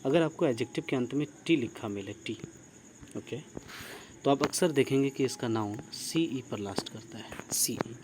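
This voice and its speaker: A man's voice: mid-range voice, moderate pace. A man teaching an online grammar lesson, who asks his class questions, praises their answers and spells words out letter by letter. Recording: steady insect and cricket noise behind.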